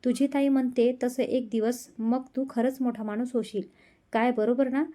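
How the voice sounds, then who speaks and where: A woman's voice: on the high side, fairly even intonation, normal speed, warm tone, close to an everyday voice. A woman voicing a lovesick young male college student in a storybook reading, agitated and pleading. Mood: encouraging.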